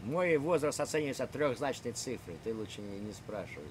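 An older man from Kharkiv, Ukraine, hosts chat roulette from his home room, talking casually with strangers over a webcam video call in a lecturing, provocative manner full of hesitations. His medium-pitched voice is animated and fairly quick, with crowd noise in the background.

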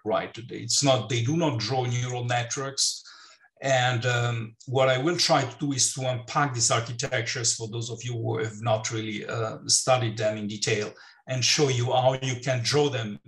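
An older man giving a keynote lecture over slides on a video call, talking in halting phrases with many restarts and fillers. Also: mid-range voice, a bit bright. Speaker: keynote speaker. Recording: roomy, distant mic.

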